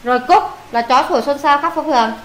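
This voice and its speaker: A woman talks fast in a high voice as she helps a boy with English homework in a casual one-on-one session. She bombards him with questions, scolding and teasing whenever he errs, and the echoey room carries faint ambience plus a little hiss or hum.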